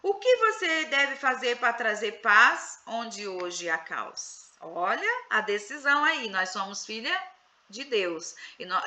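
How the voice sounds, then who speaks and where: A Brazilian woman with a very bright, forward tone and a fairly high voice runs an online group session. She asks questions, prompts the others to chime in, and explains things in a relaxed, conversational way. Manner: questioning, coaxing participants to speak. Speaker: psychoanalyst leading a women's group session. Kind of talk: casual guided group discussion.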